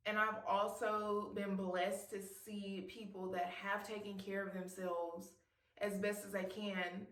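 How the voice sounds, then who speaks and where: A woman's voice: medium pitch, flat delivery, slow. A woman of about thirty speaks to her viewers in a heartfelt, chatty way, encouraging and open about her feelings. Her voice sits in a middle register. She sounds a little distant from the mic, in a room with a noticeable echo. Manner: warm and emotional, laughs at herself. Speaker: vlogger. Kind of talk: heartfelt casual talk to camera.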